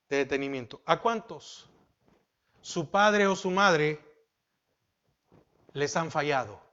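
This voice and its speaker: A man preaching a sermon as pastor, asking the congregation questions and dropping from loud emphasis to soft. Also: on the high side, muffled recording.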